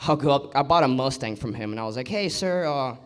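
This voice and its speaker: A man's voice: medium pitch, racing. A young man telling a loose, slangy stand-up story on stage. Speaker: stand-up comedian. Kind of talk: stand-up set.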